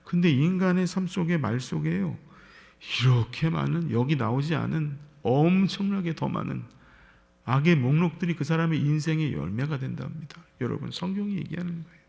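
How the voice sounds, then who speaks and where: Korean pastor with a gravelly voice in a reverberant church. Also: male voice, on the high side, animated, moderate pace, a little mellow. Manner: earnest, acts out God's and a mother's words in small quoted voices. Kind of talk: early-morning prayer sermon. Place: church sanctuary. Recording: livestreamed sermon with long hall reverb.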